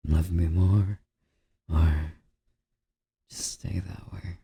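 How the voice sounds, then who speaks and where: A man doing an ASMR role-play as a comforting boyfriend, speaking in a soft, breathy, intimate murmur with a husky, gravelly edge, close to the microphone. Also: low-pitched, steady tone, no echo. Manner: slow, gently reassuring boyfriend-style comforting.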